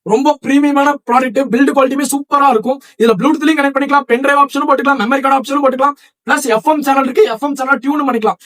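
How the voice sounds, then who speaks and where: A man from Tamil Nadu who runs a shop, chatting rapidly through a product demo and sales pitch and often checking with viewers. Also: fairly even intonation, fairly bright tone. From Tamil Nadu, India. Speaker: shop seller presenting products.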